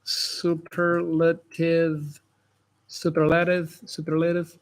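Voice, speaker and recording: Through a rough recording, a fairly high-pitched man speaks slowly with a completely flat delivery while hosting a livestream. The Belgian native Dutch speaker, who has an American-sounding accent, gives advice and answers comments in casual live chat, informal and emphatic with slangy asides.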